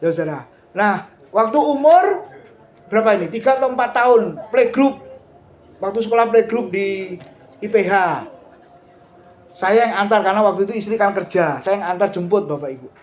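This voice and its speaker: Lively middle-aged man preaching, Indonesian accent. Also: high-pitched, normal speed, muffled recording, slight background noise. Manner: lively, talks straight to the congregation with asides and questions. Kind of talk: sermon.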